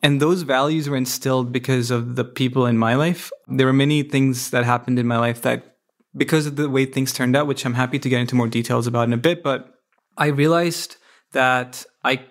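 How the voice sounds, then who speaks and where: Thoughtful young man from India, gravelly. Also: mid-range voice, steady tone. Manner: thoughtful, measured, with pauses and restarts. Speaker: guest, PhD student. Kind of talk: reflective interview talk.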